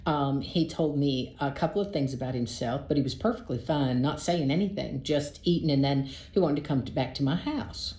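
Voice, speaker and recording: A woman's voice: extremely low pitch, normal speed, hardly any pauses, mellow. A woman casually telling a long personal dating story, chatty and exasperated, often restarting her sentences. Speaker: storyteller sharing a dating experience. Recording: roomy echo.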